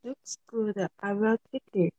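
A woman student in a live-streamed lesson, reading a practice dialogue in a quiet, halting way. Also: medium pitch, lo-fi sound.

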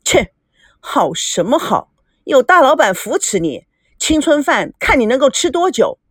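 A woman's voice: high-pitched, sing-song, a little slow, no echo, studio quality, heavily acted. A woman voicing a stern, domineering old father who scolds his daughter. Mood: scornful. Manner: scolding, gruff.

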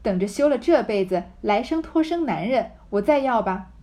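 A woman reading the lines of a quick-tongued young married woman who flatters and jokes. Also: fairly high pitch, lightly acted. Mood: playful.

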